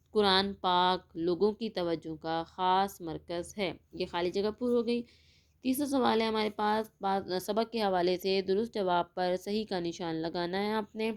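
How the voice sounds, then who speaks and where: A woman teaches a recorded lesson in a smooth, resonant voice of middling pitch. She asks the class questions, answers them herself, and draws words out slowly when she spells them. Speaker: school teacher.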